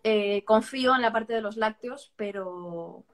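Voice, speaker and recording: A woman's voice: medium pitch, a little slow. A woman from Barcelona, a guest on a podcast, talking frankly in a casual conversation and often restarting words. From Barcelona, Spain. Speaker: podcast guest, vegan author.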